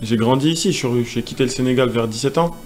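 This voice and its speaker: A man in his twenties who grew up in Senegal, a tennis player answering interview questions in a relaxed, casual way. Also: medium pitch, fast talker. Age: 20s. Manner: relaxed, casual, many fillers.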